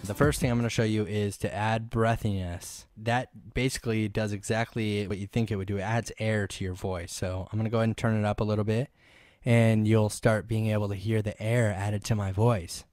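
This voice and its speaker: Male tutorial host, low, casual and joking, dry close-miked sound. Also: fairly even intonation, fairly quick, darkish tone, no echo. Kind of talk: screen-recorded software tutorial.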